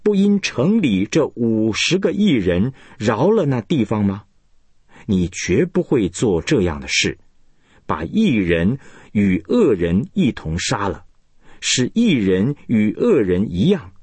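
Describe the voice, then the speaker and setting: A man's voice: lowish voice, very animated, slow, darkish tone, husky, dry recording, full character voice. A man reading scripture aloud, voicing an elderly man earnestly imploring his God. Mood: pleading.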